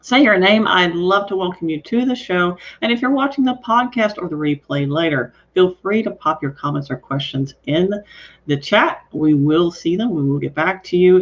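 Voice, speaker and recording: Upbeat woman hosting, lo-fi audio. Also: fairly low pitch. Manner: upbeat, inviting. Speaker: host. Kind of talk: live show introduction. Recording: dull lo-fi audio.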